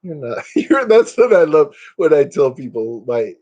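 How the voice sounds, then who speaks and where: A man's voice: on the high side, sing-song, unhurried, darkish tone, muffled recording. A man in his fifties hosting a casual live stream, chatting and joking at his own expense. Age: 50s. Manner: joking, self-mocking, chatty.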